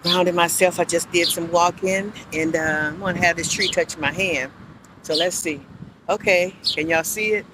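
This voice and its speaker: A woman who sells life insurance talks in an upbeat, chatty way as she vlogs outdoors on a walking track, speaking straight to her viewers. Passing cars and street noise are clearly heard behind her voice. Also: lowish voice, fairly even intonation, normal speed. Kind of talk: casual outdoor vlog.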